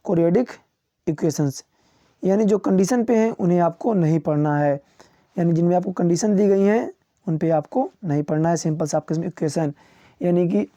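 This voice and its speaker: A man teaching as a coaching tutor, walking students through which topics to skip. He lists them one by one with small chuckles and slows down to read English titles. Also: sits high, warm tone, dry recording. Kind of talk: syllabus walkthrough for students.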